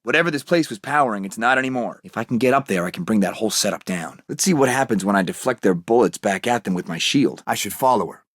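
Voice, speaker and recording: Heroic american super soldier for a video game, earnest and determined, bit husky, super dry sound. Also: male voice, fairly low pitch, animated, fast, few pauses, a bit bright, dry recording. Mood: focused, determined. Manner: resolute, terse, earnest.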